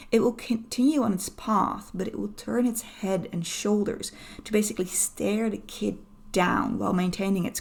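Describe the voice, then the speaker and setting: A woman from the Netherlands, a researcher explaining studies in a lively, anecdotal conversational way with light humor. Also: medium pitch, vocal fry.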